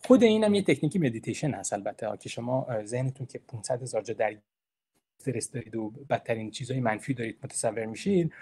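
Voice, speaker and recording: A male university lecturer with a slightly husky, breathy voice at a mid pitch. He sounds relaxed and conversational, and reassures his listeners with rhetorical questions. He restates key terms to make them clear. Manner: explains terms and repeats points to stress them. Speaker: university lecturer giving a presentation. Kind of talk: informal online lecture.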